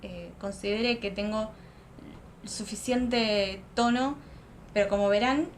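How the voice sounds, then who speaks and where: Slowly and casually, a young adult makeup vlogger talks through a tutorial at home, thinking aloud. She has a medium-pitched voice and sits close to a lamp in a home room, with slight background noise.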